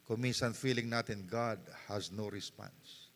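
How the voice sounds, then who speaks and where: A man with a Filipino accent, preaching a sermon as pastor with passion and mixing Tagalog and English, moving from hushed passages to shouting. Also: fairly low pitch, steady tone, a little slow. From Philippines. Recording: long reverb of a church hall.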